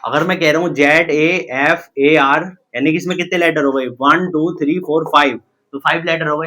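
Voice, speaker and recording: A man's voice: on the high side, a bit bright. A man teaching English pronunciation in Hindi, explaining step by step and asking and answering his own questions. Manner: addresses viewers as guys. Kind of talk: Hindi-language English lesson.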